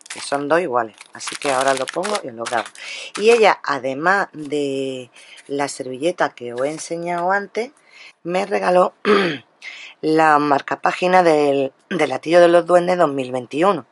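Sitting at a table, a woman from Spain with a low-sitting voice narrates her craft shopping haul at a normal speed, with a little hiss or hum in the recording. This craft vlogger chats straight to her viewers and frequently restarts her sentences.

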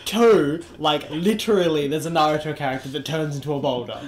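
A man's voice: a little high, a little fast, roomy sound. A man bantering and arguing with friends during a video game session. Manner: argumentative, joking. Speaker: co-commentator on a let's play. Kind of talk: casual banter.

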